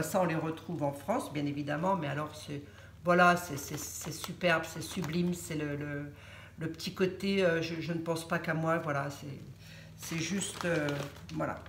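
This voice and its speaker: A woman's voice: fairly low pitch, echoey room, slight background noise. An older woman chatting casually on her vlog as she unboxes a gift, hesitant and full of fillers, often laughing at her own jokes. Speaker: vlogger.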